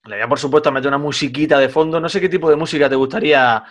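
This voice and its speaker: Host: fast-talking man, jokey, a bit high-pitched. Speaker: podcast host. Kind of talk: casual chat.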